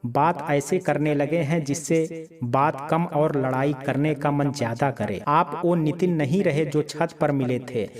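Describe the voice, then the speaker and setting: A tender young woman doctor who is easily hurt, speaking softly and pleadingly, as a male storyteller reads her lines. The voice sits a touch high, with crowd chatter murmuring behind it. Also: a little slow, natural voice.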